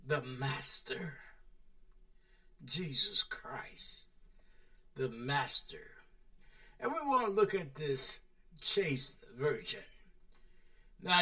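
A man teaching the Bible like a preacher, talking about himself in the third person and drawing out the scripture words slowly. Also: sits high, bright, forceful tone, low-quality recording. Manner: slow, drawn-out emphasis on scripture. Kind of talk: radio-style Bible teaching.

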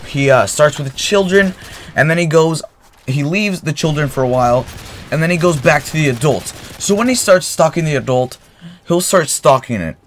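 A young man's voice, on the high side and fairly bright, comes through with a bit of hiss or hum. He hosts a gaming channel and is getting a cold, clearing his throat as he rambles through a casual story over gameplay, full of fillers and self-corrections. Faint gunfire from the game is audible.

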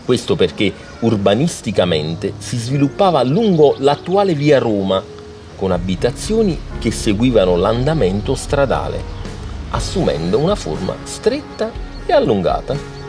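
A man's voice: medium pitch, wildly swooping pitch, measured pace. A man narrating a documentary in an explanatory, storytelling way. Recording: music playing behind.

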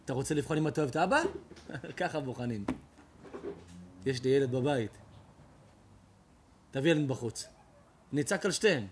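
A man, a rabbi, preaching an emotional storytelling sermon, shifting dramatically between loud outcries and hushed tones. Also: mid-range voice, long pauses, a little hiss or hum.

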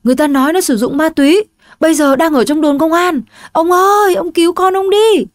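A woman voicing a frantic older mother who pleads in a high, tearful voice. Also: moderate pace, mellow, no echo, clean studio sound, natural voice. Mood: desperate pleading.

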